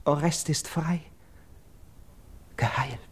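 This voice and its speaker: In a classical verse radio drama, an actor voices an urgent, persuasive young nobleman from Greek myth, using declamatory, measured stage diction. His voice sits on the high side and is slightly rough, and the mood is exalted and hopeful.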